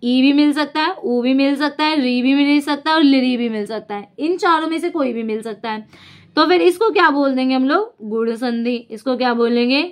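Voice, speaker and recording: A woman's voice: high voice, moderate pace. A young woman teaching a lesson as she writes out examples, asking the class a question and then answering it herself. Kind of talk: casual whiteboard lesson.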